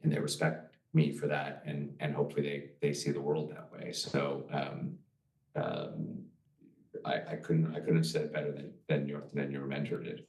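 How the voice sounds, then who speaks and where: A man's voice: very deep voice, moderate pace, creaky, a little mellow. A middle-aged man, an entrepreneur guest, talking earnestly in a casual interview with many restarts. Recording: roomy, distant from the mic.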